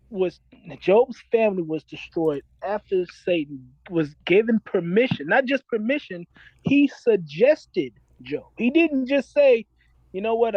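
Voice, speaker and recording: A man's voice: high-pitched, no echo, muffled recording. Earnest preachy man in his forties. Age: 40s. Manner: earnest, preachy, repeats key phrases. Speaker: self-described minister and philosopher. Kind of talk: casual interview talk.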